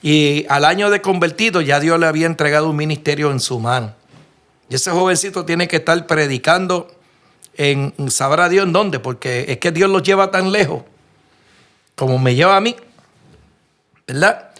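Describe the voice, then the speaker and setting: In a fairly high, fairly bright voice at a moderate pace, a Puerto Rican man delivers a sermon in Puerto Rican–accented speech. He's an earnest storyteller who keeps restarting and throwing out rhetorical questions.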